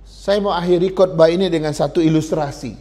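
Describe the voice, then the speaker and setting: A man's voice: a little high, brisk, mellow. A male pastor giving a sermon in a conversational style, often turning to address the congregation directly.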